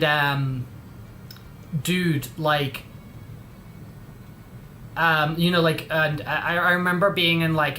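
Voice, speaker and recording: Rambling and slangy, tossing out "dude" and "bro" constantly, an English-accented livestream host chats casually. His voice is a little high and sharp-toned, and there's a little hiss or hum on the recording.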